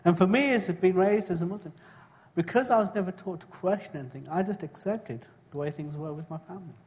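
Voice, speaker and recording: A middle-aged preacher, born in Kenya and raised in England, delivers a sermon with personal testimony. His voice is high-pitched, brisk, darkish in tone and slightly raised, and he keeps it conversational, clearing his throat and often turning to the congregation with tag questions. A long church-hall reverb surrounds his voice.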